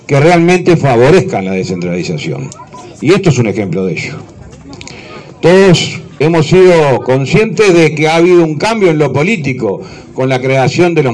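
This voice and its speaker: A man's voice: a little high, poor audio. A middle-aged Uruguayan man delivers a public political speech in a slightly raised voice. He talks with an official's assurance and leans on repeated phrases to drive each point home. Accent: Uruguayan Spanish. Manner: emphatic, repeats key phrases for weight. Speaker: government official.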